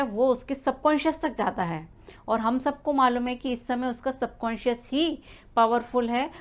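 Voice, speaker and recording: A woman giving a spoken lesson to expecting mothers, explaining step by step with frequent "uh" fillers and small restarts. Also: a little high. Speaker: prenatal learning coach.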